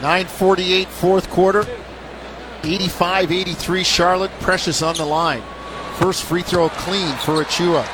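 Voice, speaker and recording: A man's voice: sits high, steady tone, unhurried. A man doing live basketball play-by-play commentary in clipped, short phrases. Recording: courtside arena noise behind voice. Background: basketball arena crowd and bouncing balls.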